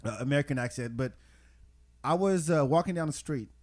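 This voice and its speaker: Man, from Senegal, casual storytelling, animated, repeats words, slightly high voice. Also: fairly quick.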